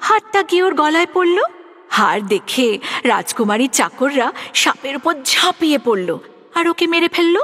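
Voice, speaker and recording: Woman narrator for kids' animated stories, lively and fairly high. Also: slightly rough. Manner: expressive, addresses the young listener. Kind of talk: storybook narration for children.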